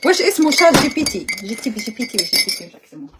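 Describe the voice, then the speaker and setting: Algerian woman streamer, high voice, very fast, casual chat. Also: very animated, very noisy. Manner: chatty, exasperated and joking with viewers. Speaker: live streamer.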